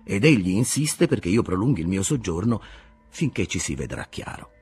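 A man's voice: low-pitched, sing-song, normal speed, a little mellow, faint music behind. A man voicing a young, earnest German engineer explaining himself patiently in an audiobook reading. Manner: earnest, explanatory, slightly defensive.

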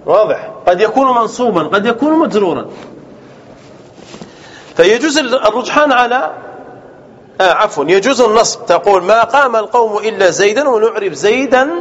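A man's voice: high voice, lively intonation, a little fast, pauses often, fairly bright tone. A man teaching a grammar class, quizzing his students and repeating key terms as he goes. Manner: asks students questions and answers them, repeats key terms. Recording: dull lo-fi class recording with faint room noise.

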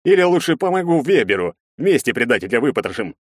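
A man's voice: mid-range voice, big pitch swings, fast talker, no echo, clean studio sound, voice pushed up. A man voicing a furious, brutal nobleman's son who growls threats. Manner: growling, menacing.

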